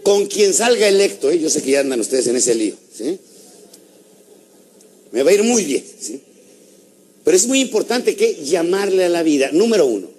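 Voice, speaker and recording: A man giving a lively motivational talk, asking his audience questions and acting out little stories. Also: a little high, moderate pace, long pauses. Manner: animated, asks the audience questions, acts out stories. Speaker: motivational speaker.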